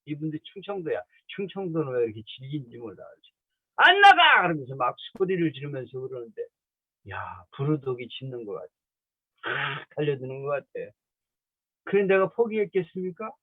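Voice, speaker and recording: A pastor, a man of some years, preaching a sermon through lively, colloquial stories. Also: mid-range voice, fairly quick, husky, dry recording. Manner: animated storytelling, colloquial. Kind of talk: sermon with anecdotes. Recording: tinny phone-like, dry.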